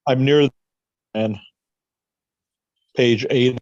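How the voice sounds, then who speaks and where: A man reading a script aloud over a laptop video call, his audio choppy and cutting in and out, his phrases halting and broken off. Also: medium pitch, fairly even intonation, darkish tone, dry recording, lo-fi sound.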